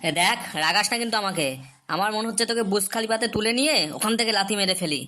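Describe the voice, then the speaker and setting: An actor voices an irritable, scolding schoolteacher, addressed as sir, in a comedy cartoon, questioning and threatening the pupils in exasperation. The mid-range voice is rapid-fire, pushed and bright, and lightly acted.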